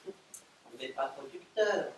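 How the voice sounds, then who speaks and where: A man's voice: mid-range voice, lively intonation, slow pace. An actor playing an impatient, condescending man in a stage play, recorded from far off in a very roomy theatre. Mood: scheming. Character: exasperated, scheming, haughty man. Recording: very roomy stage audio from far off, faint noise.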